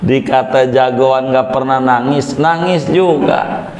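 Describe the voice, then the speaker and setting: A man teaching a weekly religious law lesson in a lively, joking way, acting out worshippers. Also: mid-range voice, slow pace. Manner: lively, jokey, acts out worshippers. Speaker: Islamic teacher. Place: prayer room. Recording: echoey prayer room.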